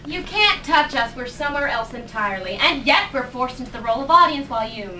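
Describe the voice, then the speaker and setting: A woman's voice: high voice, animated, quick pace, full character voice. Woman playing blunt tipsy Gina on stage. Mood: mocking. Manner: sharp, scolding and sarcastic. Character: blunt tipsy young woman, a mocking imagined friend. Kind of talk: live stage acting. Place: small theatre stage. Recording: distant echoey stage recording, faint noise.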